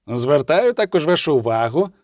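Male reader voicing a firm, unmoved imperial officer in an audiobook; even and commanding, dry close sound. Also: on the high side, normal speed, no room sound, close to an everyday voice. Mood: cold. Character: stern imperial male official, calm and unyielding.

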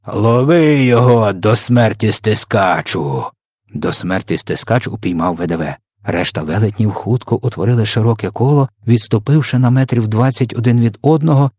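A man narrating an audiobook with expressive storytelling. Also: on the low side, husky, no echo, clean studio sound.

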